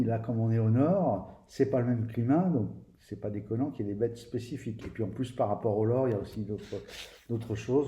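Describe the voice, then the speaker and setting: A man with a mellow, medium-pitched voice gives a casual spoken review of a tabletop game book, addressing viewers directly. He sounds hesitant, restarting often and leaning on fillers. The lo-fi recording has a roomy echo and faint background noise.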